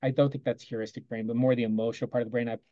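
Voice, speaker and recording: A man teaching on a video call, casually recounting a classroom lesson and quoting himself with soft asides. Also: medium pitch, level tone, racing, no room sound, dull audio. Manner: conversational, quotes himself often with "I go", soft asides.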